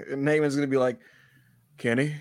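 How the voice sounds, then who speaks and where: A man's voice: mid-range voice, expressive, very fast, no room sound. A man bantering casually on a podcast, stammering over repeated words and acting out imagined dialogue. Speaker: podcast panelist.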